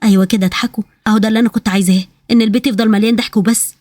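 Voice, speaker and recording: A woman's voice: on the high side, fairly even intonation, racing, darkish tone, no echo, studio quality, close to an everyday voice. A woman voicing a loving but bossy older grandmother with an Egyptian accent, teasing and commanding her family.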